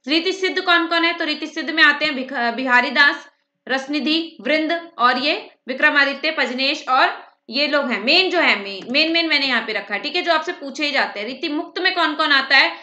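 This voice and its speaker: A woman teacher giving a brisk exam-prep lecture, talking fast and checking in often with her students. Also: sits high, sharp tone, roomy sound. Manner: frequent "theek hai" check-ins.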